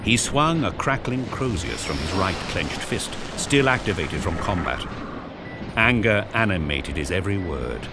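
Loud music and battle effects create heavy background noise as a man tells an audio drama story. His deep voice swings widely in pitch at a measured pace, delivered with intense, solemn theatricality.

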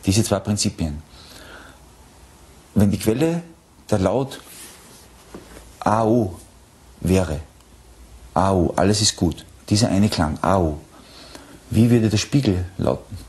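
A man's voice: low-pitched, animated, slow pace, long pauses, a little mellow. A man in a recorded talk, explaining ideas step by step and posing questions to his listener. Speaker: speaker in a played recording.

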